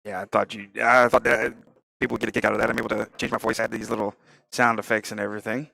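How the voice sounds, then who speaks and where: A man's voice: on the low side, flat delivery, fast talker, creaky, pushed and bright, no room sound, rough recording. A man giving casual live play-by-play of a pool match, thinking aloud about shot choices. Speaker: pool commentator.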